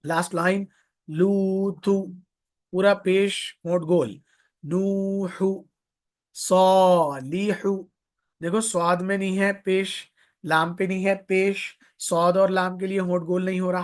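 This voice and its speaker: A man's voice: high-pitched, steady tone, normal speed. A man teaching Quran recitation in a live online class, repeating each word several times and stretching out the long vowels, with English teaching terms mixed into his speech. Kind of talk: slow drilled tajweed lesson.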